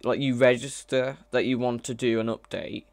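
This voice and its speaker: A man's voice: medium pitch, little pitch movement, normal speed, dry recording. A man streaming live as he codes, chatting casually and thinking aloud, often hesitant and correcting himself. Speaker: mod developer streaming live. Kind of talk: casual live coding commentary.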